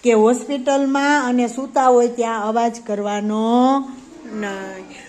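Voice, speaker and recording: High-voiced teacher coaxing young pupils. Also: female voice, steady tone, measured pace, a little mellow. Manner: asks the children questions and praises answers. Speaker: preschool teacher. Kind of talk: classroom teaching. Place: classroom. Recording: faint background noise.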